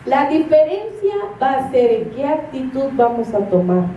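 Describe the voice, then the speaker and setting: A woman's voice: sits high, big pitch swings, moderate pace, dark tone, a little hiss or hum. A woman, a minister preaching a sermon and telling stories with acted-out quotes and laughter. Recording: echoey room from a distance.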